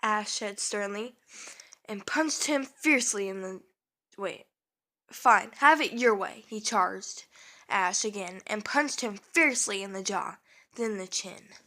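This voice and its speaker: A young woman reading her own story aloud in a slow, halting way, stopping to correct herself and add asides. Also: medium pitch, sharp tone.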